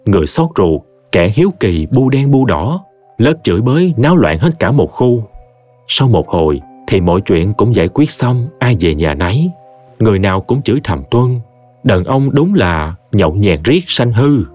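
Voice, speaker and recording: A man's voice: on the low side, normal speed, soft background music. A man, expressively narrating a scripted horror story. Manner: expressive, vivid.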